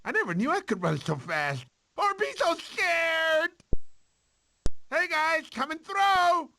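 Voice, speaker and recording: A goofy cartoon sloth for a video game, bright and forceful, with pitch that swoops all over. He is a jittery, kindly uncle type who is excitable and theatrical. The audio has some background noise. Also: takes it slowly, exaggerated voice. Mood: panicked. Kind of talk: animated film tie-in game character dialogue.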